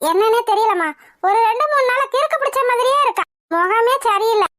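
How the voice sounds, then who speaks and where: A woman's voice: very high voice, expressive, a little fast, bright, forceful tone, dry recording, clean studio sound, full character voice. Woman voicing a fretful chatty village mother. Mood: worried. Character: fussy middle-aged village mother, teasing and worried. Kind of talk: cartoon voice acting.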